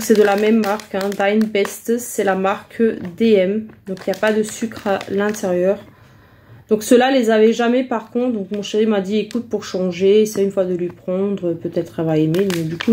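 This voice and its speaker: Casting: woman vlogger, relaxed warm tone, chatty haul talk, faint background hiss. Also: mid-range voice. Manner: chatty, hesitant, many fillers. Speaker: vlogger showing a shopping haul. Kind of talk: casual haul vlog chat.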